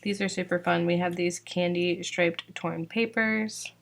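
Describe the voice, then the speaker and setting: This is a casual product walkthrough by a young sticker shop owner from Georgia. Her voice is on the low side, gravelly and slightly worn, with fairly even intonation and an unhurried pace, and she chats along using "like" and "um."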